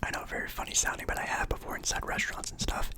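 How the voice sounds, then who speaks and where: A young man whispering casually as an ASMR creator, chatting about food between bites. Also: rapid-fire.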